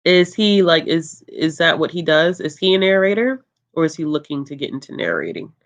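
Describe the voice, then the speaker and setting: A book channel host reads out viewer comments during a casual livestream chat. Her voice is calm and low, the pace brisk, and she sounds relaxed, laughing often and saying um a lot.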